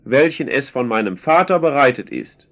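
A man voicing a calm, authoritative male teacher in a solemn, measured scripture reading. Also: mid-range voice, natural voice. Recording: dull lo-fi recording.

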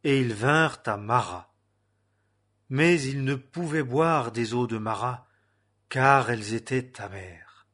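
A man giving a scripted biblical narration, reading in a measured, solemn way with long pauses. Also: mid-range voice, a bit bright. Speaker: scripture reader.

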